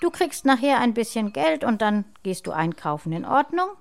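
Lady doing a strict mom scolding her kids, firm and a bit sharp. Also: a little high, big pitch swings, normal speed, vocal fry. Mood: stern. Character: scolding mother in her late thirties.

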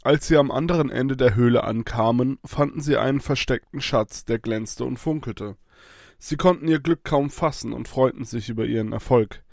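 A man calmly narrating a children's fairy-tale adventure. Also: medium pitch, normal speed, creaky, no room sound, clean studio sound. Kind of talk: children's story reading.

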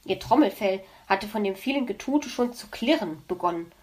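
A woman narrating a children's storybook in an expressive, lively way. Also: mid-range voice, moderate pace.

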